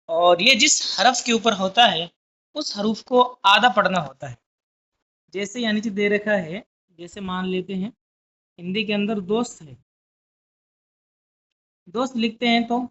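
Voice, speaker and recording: In a medium-pitched, fairly bright voice, a woman teaches Urdu deliberately, going letter by letter and word by word. She stops frequently to make sure the class keeps up; the audio sounds somewhat dull and lo-fi.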